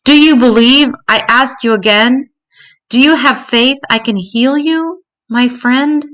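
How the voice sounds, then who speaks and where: A woman voicing a calm, kindly, mysterious holy man from a children's storybook, speaking in solemn measured rhyme. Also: sits high, voice pushed up. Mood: calm, earnest.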